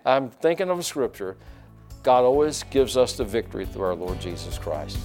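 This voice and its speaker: A man pastor preaching a sermon in a folksy, animated way, acting out quotes and leaning on "you know". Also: mid-range voice, moderate pace, music in the background.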